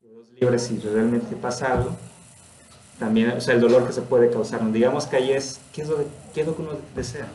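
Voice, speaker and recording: A man with a Mexican accent gives an informal spiritual lesson in an earnest, personal way, laughing often. His voice sits at a middle pitch. The recording has a roomy echo around it. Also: fairly even intonation, a little fast, dark tone. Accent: Mexican Spanish. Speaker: religious study teacher.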